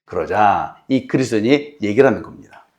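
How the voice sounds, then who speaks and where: Man pastor preaching, lively up-and-down voice, lots of questions. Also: lowish voice, fairly quick. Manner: animated preaching with rhetorical questions. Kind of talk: sermon.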